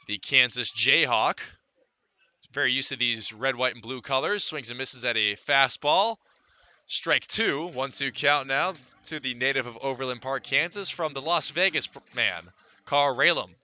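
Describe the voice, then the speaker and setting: A man with a medium-pitched, bright, forceful voice calls live baseball play-by-play on radio at normal speed. He mixes clipped stat readouts with fuller descriptions of the action.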